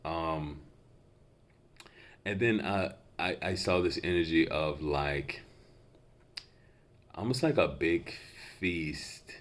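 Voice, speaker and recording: Slowly and with long pauses, a low-voiced man gives an unscripted psychic reading of channeled messages. Like a mentalist, he feels out impressions tentatively, one piece at a time.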